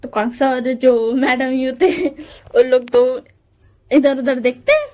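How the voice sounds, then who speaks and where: A woman with a very high voice, chattily retelling a fan story. Her telling is lively, and she briefly slips into the characters' lines as she goes. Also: takes it slowly. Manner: chatty, animated, acts out lines.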